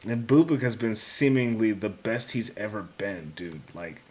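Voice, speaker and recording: His voice is on the low side with a darkish tone, and he talks a little slowly. The young man hosts an informal one-man sports betting picks segment, thinking aloud, revising his statements, dropping the occasional swear, and saying bro and dude.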